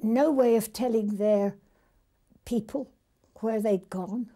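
An older woman gently telling the story of prisoners she once spoke with. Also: on the high side, slow. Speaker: interviewee recalling wartime occupation. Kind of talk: reminiscing testimony.

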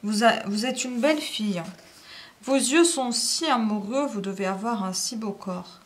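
A woman's voice: a little high, a little slow, close to an everyday voice. A woman reading aloud as a lonely, tearful wife of good society who pleads and laments in an imploring way. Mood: plaintive. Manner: plaintive, imploring.

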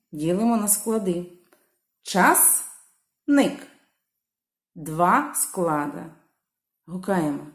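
A woman teaching a primary school lesson, slowly calling out each word and stretching its stressed syllable. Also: on the low side. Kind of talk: slow classroom lesson. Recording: echoey room.

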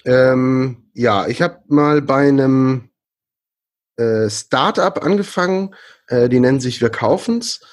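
A man's voice: medium pitch, takes it slowly. Young man guest from Berlin, hesitant, lots of "ähm" and restarts, casual interview tone. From Berlin, Germany. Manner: hesitant, many fillers and restarts. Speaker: interview guest, freelance frontend developer.

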